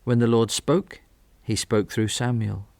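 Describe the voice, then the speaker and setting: A man's voice: mid-range voice, little pitch movement, unhurried, gravelly, a little mellow, dry recording. A man narrating a radio drama as a character, in a reflective, wry storytelling manner.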